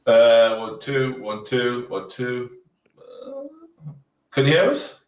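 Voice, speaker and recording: A man's voice: mid-range voice, wildly swooping pitch, slow pace. A man, a guest in casual chat, talking bluntly and swearing freely, heard through a tinny, metallic-sounding mic. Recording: tinny echoey remote mic from far off.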